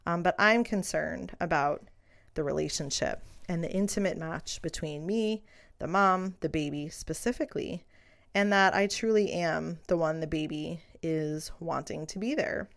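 A middle-aged midwife reflects on her beliefs in a solo podcast, earnest and unhurried, with soft fillers. Her voice sits low and carries vocal fry.

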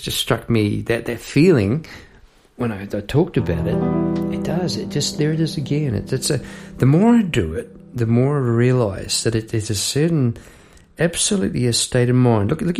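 This middle-aged man's mid-range voice is animated and creaky, at a moderate pace. Hosting a songwriting podcast with guitar in the background, he muses in a warm, rambling manner full of restarts and asides.

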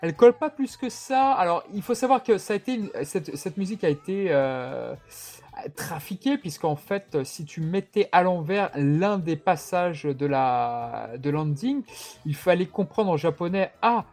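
A man co-hosting a casual podcast chat, animated and teasing, often restarting his sentences. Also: on the high side, a little slow.

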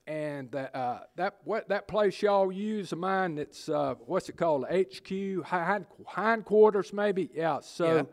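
Picture a bumbling small-town mayor with a Southern accent, tripping over his own words and padding every sentence with fillers, as a man acts him out in an improv comedy. His voice sits a bit high for a man, and he keeps apologizing without ever budging. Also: slow pace, hardly any pauses. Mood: sheepish. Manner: hesitant, stammering, full of fillers.

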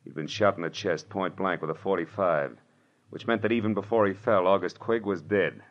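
In an old, dull radio drama recording with music and a little hiss or hum, an American man with a low, fairly everyday voice speaks at normal speed. As lead actor and narrator, he plays a world-weary private detective recounting his case in terse, wry, clipped 1940s hardboiled style.

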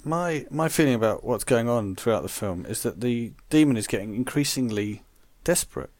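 A man with a mid-pitched voice co-hosts a casual film podcast. He weighs his ideas slowly, pausing often and filling gaps with ums, recorded dry and close. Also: lively intonation, darkish tone, no echo. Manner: thoughtful, hesitant, many ums and pauses. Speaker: podcast co-host.

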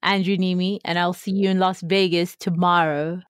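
South african lady co-hosting a podcast, bit lower voice, dry close mic, chatty and laughy. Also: level tone, normal speed, clean tone, no room sound. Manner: chatty, laughs often, many fillers. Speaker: podcast co-host. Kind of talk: casual podcast chat.

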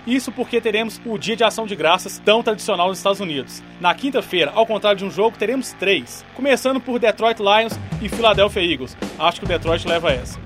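A man's voice: high voice, animated, fast, few pauses, fairly bright tone, soft background music. A man with a Brazilian Portuguese accent presenting a scripted American football radio show as its host.

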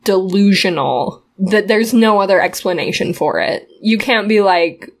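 A woman's voice: medium pitch, lively intonation, unhurried. A woman co-hosting a casual podcast, ranting heatedly and indignantly about a drama character. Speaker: podcast co-host. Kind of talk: casual recap chat.

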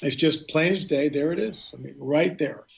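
Male guest storyteller, rambling delivery, fairly high voice, dull lo-fi sound. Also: normal speed. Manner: rambling, restarts often, clears throat. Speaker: guest filmmaker. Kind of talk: casual radio storytelling.

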